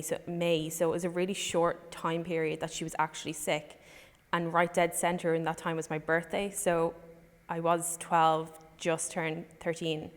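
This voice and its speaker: Brief: twenties woman interviewee, soft, low flat voice. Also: in a large hall. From Ireland. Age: 20s. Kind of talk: documentary interview.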